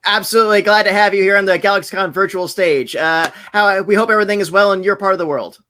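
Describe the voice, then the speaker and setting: A woman's voice: mid-range voice, fast, sharp tone. A woman hosting a virtual convention panel over a video call, reading upbeat introductions and laughing often. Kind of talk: upbeat scripted introductions and moderating.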